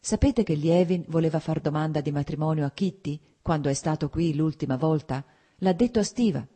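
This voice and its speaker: Audiobook: woman voicing a sensible young wife, low husky voice. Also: fairly quick. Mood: earnest. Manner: calm, wry. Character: sensible young married daughter, dry and calm.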